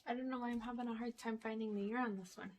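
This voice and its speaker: Chatty woman with a higher voice. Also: fairly even intonation, very fast, a little mellow, a little hiss or hum. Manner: chatty and rambling, with many fillers and restarts; reads the blurbs on the backs of DVD cases aloud. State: a little out of breath. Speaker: vlogger showing a shopping haul. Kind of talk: casual chat. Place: indoors at home, sitting in one spot.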